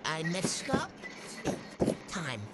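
A young gamer talking through a voice changer, rambling excitably and swearing while playing, with a cold and hiccups. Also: medium pitch, very slow. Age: student. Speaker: gamer vlogger. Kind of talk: casual gameplay commentary. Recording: loud background noise.

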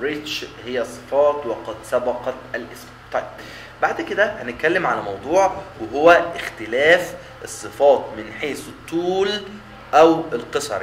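A man's voice: mid-range voice, a bit bright. A man with an Egyptian Arabic accent teaching an English lesson, repeating example words and checking in with the listener as he explains. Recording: echoey room, faint background noise.

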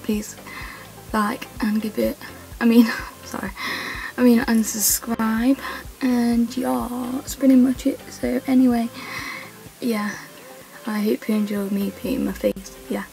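Young female vlogger at home, fairly high and raspy-edged, giggly, self-correcting, filler-heavy. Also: flat delivery, a little slow, darkish tone, soft background music, low-quality recording. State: voice sounds odd, she says. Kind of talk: casual chat to camera. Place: home, indoors.

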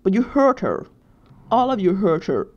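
A whiny, tearful young teenage boy from a fanfic reading, as a woman reads him aloud. He is angry and accusing. The voice sits low and very dark, on a dull lo-fi recording. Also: normal speed, vocal fry.

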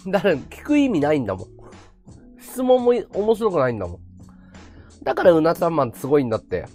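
Brief: chatty male streamer, pitch leaping all over, faint music in the background. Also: quick pace. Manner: chatty, animated, laughs a lot. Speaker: livestream host. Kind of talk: casual chat to viewers.

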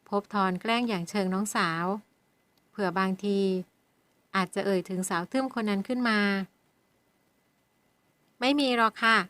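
Female audiobook narrator, steady and even, dry booth sound. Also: medium pitch, moderate pace, no room sound.

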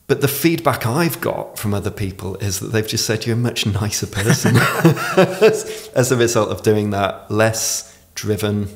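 A man's voice: fairly low pitch, expressive, unhurried, hardly any pauses. A man in his forties who pronounces r as w, explaining reflectively in conversation as a podcast guest. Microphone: podcast microphone on desk stand.

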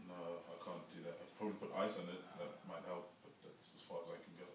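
A man's voice: low-pitched, level tone, fast. A young man with a South African accent, chatting casually as an interview guest. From Johannesburg, South Africa. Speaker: guest, amateur rugby player. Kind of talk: casual chat. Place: living room, indoors. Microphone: far camera. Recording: very echoey room, distant, noisy.

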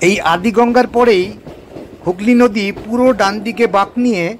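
High-voiced man narrating a train ride. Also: moderate pace, noisy background. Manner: informative, pointing out sights. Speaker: travel vlogger. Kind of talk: calm guided narration over train footage.

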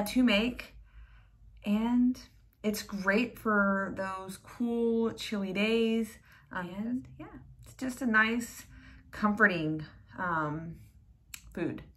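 A young woman, chatting casually as she cooks in her home kitchen, with plenty of ums and a relaxed, unhurried way of talking. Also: mid-range voice. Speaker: home cook vlogger. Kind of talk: casual cook-along narration.

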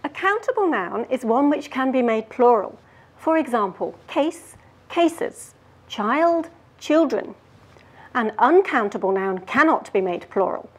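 A woman playing an earnest lady grammar detective who explains rules clearly and patiently. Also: fairly high pitch, big pitch swings, unhurried. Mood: explaining. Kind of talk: scripted grammar lesson skit.

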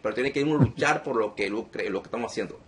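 A man's voice: medium pitch, fast, a loud crowd. A man preaching as a deliverance minister to an online group, emphatic and repeating phrases again and again.

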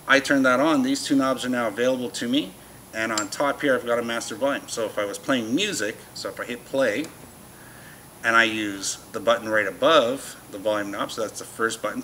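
A man in his fifties works as a shop demonstrator, walking through a product in a casual, folksy, plain-spoken manner. His voice is medium-pitched and slightly bright, and the indoor showroom with shelves adds a noisy background hum.

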